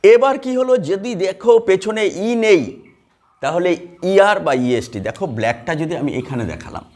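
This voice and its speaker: A man's voice: high-pitched, lively intonation, measured pace, a little mellow. A man teaching English grammar in a classroom, explaining step by step with many fillers and questions to the students. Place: classroom with a board.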